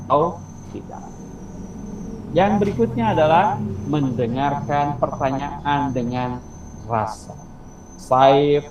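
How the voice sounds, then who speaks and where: A man's voice: on the high side, a little mellow. A man teaching an online teacher-training class, explaining step by step and asking the class questions. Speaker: instructor. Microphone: video call. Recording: roomy, distant mic, faint insect noise.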